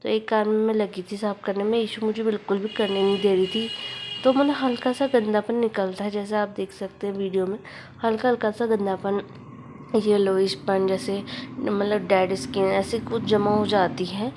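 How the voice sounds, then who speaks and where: A woman's voice: medium pitch, flat delivery, moderate pace, background noise. A young woman, a new mother, chatting casually as she explains each step of caring for her baby. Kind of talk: casual home vlog narration.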